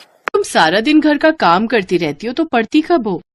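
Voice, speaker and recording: A woman voicing a kind, caring young newlywed woman in an animated storybook, speaking gently and reassuringly. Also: a little high, moderate pace, a little hiss or hum, pitched above the performer's own voice.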